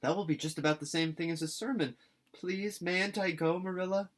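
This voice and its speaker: A man voicing an excitable, dramatic young orphan girl in a storybook reading, gushing and pleading earnestly. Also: high voice, fairly quick, voice pushed up, close to an everyday voice.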